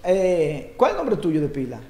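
High-voiced middle-aged male host. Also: huge pitch swings, normal speed, a little mellow. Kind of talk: interview hosting. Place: podcast studio. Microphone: desk mic on boom arm. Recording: roomy studio sound.

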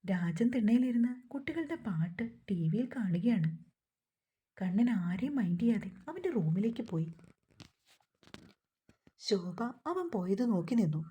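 A woman narrating a family story in a steady reading voice. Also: mid-range voice, unhurried, long pauses.

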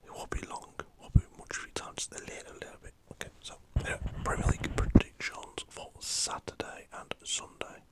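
Speaking a little fast with hardly any pauses, a man from the north of England whispers rambling football chatter for an ASMR channel. He's chatty, lets out the odd mild swear, and has a camera set up before him.

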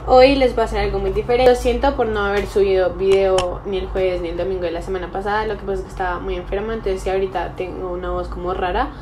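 A young vlogger speaks fast and barely pauses, her medium-pitched voice keeping a fairly even intonation. She's chatting casually and a little hesitantly to the camera while cooking at a table in a small room, with background noise.

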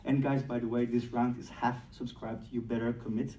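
On a stage in a large, dark event room, a Belgian man in his thirties with a Belgian French accent gives a playful, energetic startup talk, acting out dialogues and laughing at his own jokes. His voice is medium in pitch and moderately paced. A distant camera mic places him far away, so the sound is roomy and lo-fi with a little hiss or hum.

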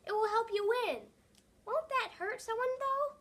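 Very high young voice in toy role-play. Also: normal speed, fairly bright tone. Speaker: home video creator voicing toy dogs.

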